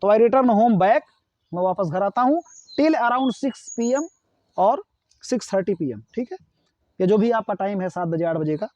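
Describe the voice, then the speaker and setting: High-voiced man teaching slowly. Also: dark tone, no echo, muffled recording. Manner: explains in Hindi, says English sentences slowly and clearly. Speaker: English teacher. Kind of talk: spoken English lesson.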